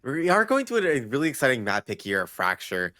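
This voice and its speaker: A young man commentating a live esports match, breaking down team plans in a steady, analytical way. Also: medium pitch, brisk, no room sound, clean studio sound. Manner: steady analytical play breakdown, teasing co-caster. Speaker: esports caster.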